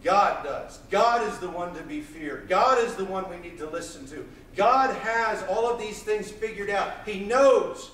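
A man in his thirties preaching a sermon, pacing the stage of a small church with intense, loud delivery. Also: sits high. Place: small church hall, indoors. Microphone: far camera, room mic. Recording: echoey church hall from far off.

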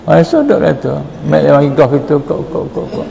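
A man's voice: on the high side, very animated, a little fast, vocal fry, mellow, slight background noise, poor audio. A man preaching a morning sermon in a Patani Malay accent, telling stories and quoting prayers and dialogue. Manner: storytelling, quotes prayers and dialogue. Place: mosque hall.

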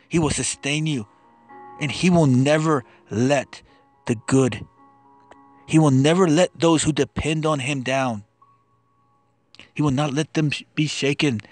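A man's voice: a little high, dry recording. A man giving a solemn, impassioned, dramatized biblical narration of a psalm as a scripture reader. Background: music.

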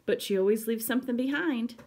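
A woman's voice: fairly high pitch, fairly quick, a little mellow, pitched above the performer's own voice. A woman voicing a young boy bear in a storybook, cheerful and matter-of-fact.

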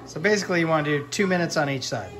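A man's voice: a little high, very fast, a little hiss or hum. A man in his forties chatting casually as he cooks fish in his home kitchen, filmed on a handheld phone. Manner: relaxed, chatty, talks while cooking. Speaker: fishing vlogger. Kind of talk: casual cooking narration. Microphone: handheld phone camera.

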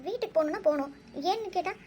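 A woman's voice: very high voice, expressive, very fast, dark tone, a little hiss or hum. A woman voicing a tearful young woman in a cartoon who keeps pleading to go home. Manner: pleading, crying.

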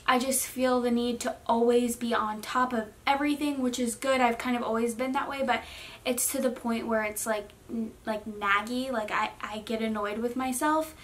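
Sitting on her bed, a woman in her twenties gives a casual pregnancy update for her vlog, rambling along with lots of fillers. Her voice is a little high and a bit bright, with a steady tone and a normal pace.

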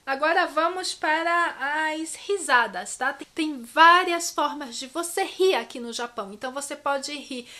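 A high, bright-voiced Brazilian woman runs a casual language lesson and acts out every sound word with playful repetition. She keeps the tone lively and animated, like a vlogger teaching her viewers. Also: measured pace, few pauses. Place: her home in Japan.

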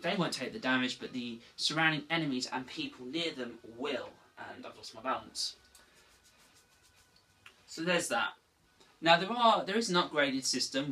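Rambling man, bright and off-mic. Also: mid-range voice, recorded from a distance, poor audio. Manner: rambling, with frequent restarts and asides. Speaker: gaming video host. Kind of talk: casual unscripted game recap.

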